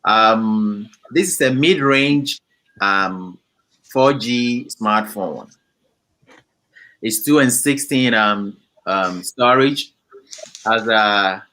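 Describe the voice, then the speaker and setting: A man from Ghana, a company founder, explaining his product in an interview in a measured way, with many pauses and fillers. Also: fairly low pitch, sharp tone, low-quality recording.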